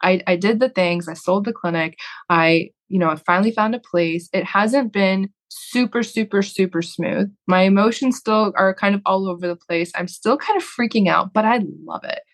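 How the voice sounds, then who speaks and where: A woman's voice: mid-range voice, moderate pace. A woman in her thirties from Canada, a podcast guest talking candidly and reflectively in a casual interview, often restarting her sentences. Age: 30s.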